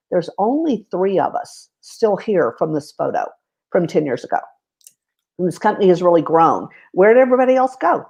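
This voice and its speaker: A woman's voice: on the low side, a little mellow, dull audio. A woman co-hosting a live coaching show, telling anecdotes with frequent ums and restarts. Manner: storytelling, hesitant with many fillers. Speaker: co-host. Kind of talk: live-streamed coaching chat.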